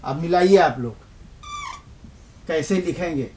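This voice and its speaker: A man's voice: on the high side, darkish tone, a little hiss or hum. A man teaching the Urdu script in a lesson, patiently asking questions and answering them himself, repeating points for emphasis. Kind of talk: televised language lesson.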